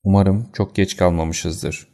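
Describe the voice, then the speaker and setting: A sharp, decisive detective gives brisk commands, as a man reads him. The voice is deep and dark with a gravelly fry. The manner is commanding and matter-of-fact. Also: fairly even intonation, exaggerated voice.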